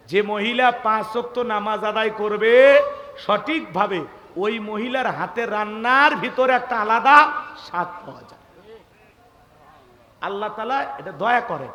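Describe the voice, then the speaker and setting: A man's voice: high voice, a bit bright, long reverb tail. A man from Bangladesh preaching a waz sermon, rousing the crowd and calling on them to answer and say amen.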